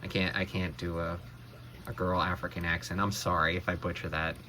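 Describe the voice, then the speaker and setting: A man hosting a casual action figure review, excitable and exclaiming over every detail he shows. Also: sits low, brisk, a little hiss or hum. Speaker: toy reviewer, channel co-host.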